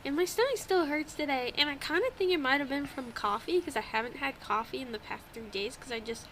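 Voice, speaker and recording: With a high, fairly bright voice and a brisk pace, a young podcast co-host chats casually through a stuffy nose. She laughs often and swears freely. Her old home microphone catches slight background noise.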